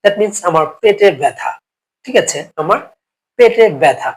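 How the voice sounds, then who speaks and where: Male teacher with a cough, slightly high. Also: lively intonation, measured pace, poor audio. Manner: explains step by step with many check-ins, repeating each phrase. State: sick with a cough. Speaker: English teacher. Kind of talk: spoken English lesson.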